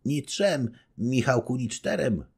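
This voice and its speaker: Eager young noblewoman, pitched high and girlish, voiced by a man reading an audiobook. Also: lively intonation, slow, gravelly, husky, heavily acted.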